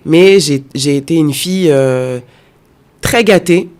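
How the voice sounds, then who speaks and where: A French woman in her thirties, a content creator, talks about her life as a guest in a personal interview. Her voice sits low and a little mellow, her pace is slow, and she leans on many fillers and repeated phrases.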